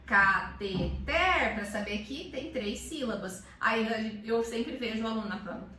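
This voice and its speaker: A woman teacher explaining in casual chat, animated and calling words out aloud to demonstrate. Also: on the high side, moderate pace, roomy sound, recorded from a distance.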